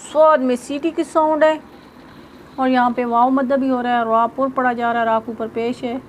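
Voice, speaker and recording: A woman teaching tajweed, explaining each rule step by step and reciting verses slowly in a drawn-out melodic voice. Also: high voice, steady tone, a little hiss or hum.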